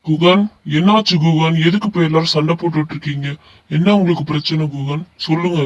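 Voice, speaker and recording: A stern middle-aged cartoon uncle, as a man voices him, firm and demanding answers. His voice sits a bit high, with a questioning, firm delivery. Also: steady tone, brisk, lo-fi sound, close to an everyday voice. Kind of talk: animated story voice acting.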